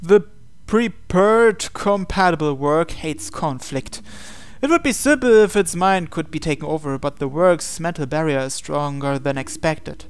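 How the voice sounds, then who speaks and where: During a game playthrough, a man voices the visual novel's narration and mixes in his own remarks. His slightly high voice sounds clear, clean, and resonant, with lively intonation and measured pacing broken by pauses. The recording is dry.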